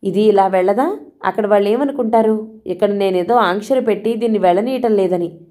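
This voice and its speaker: A woman voicing a caring man, an elder brother who questions slowly and gently. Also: mid-range voice, close to an everyday voice. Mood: concerned. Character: male hospital patient, caring elder brother.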